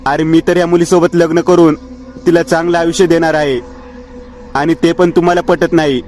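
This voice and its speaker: A man's voice: fairly high pitch, level tone, a little fast, darkish tone, slight background noise, pitched above the performer's own voice, close to an everyday voice. A man voicing a defiant, hot-tempered young man in a storybook horror tale, raising his voice in anger. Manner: pleading and angry outbursts.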